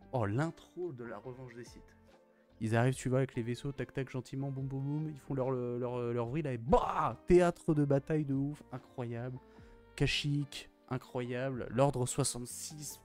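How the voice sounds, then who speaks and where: A man's voice: medium pitch, darkish tone. A young man gushing in a casual, slangy film review, often repeating his exclamations. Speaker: YouTuber reviewing films.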